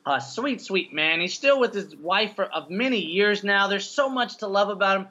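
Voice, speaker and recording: A playful, enthusiastic man chatting casually about sports, his voice bright and sharp and pitched a little high. The sound is dull and lo-fi. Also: animated, moderate pace. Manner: playful, enthusiastic, laughs often. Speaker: co-host.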